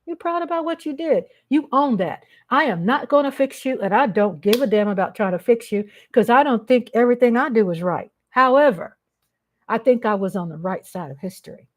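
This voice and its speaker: A woman's voice: fairly high pitch, expressive, a little fast. A woman hosting her own live-stream vlog, speaking off the cuff in a blunt, emphatic way with casual swearing. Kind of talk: unscripted live commentary.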